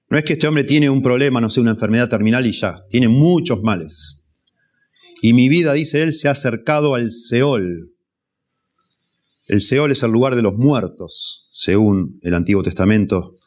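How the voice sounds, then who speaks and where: A man preaching an expository sermon, measured and repeating key phrases for emphasis. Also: mid-range voice. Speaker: pastor.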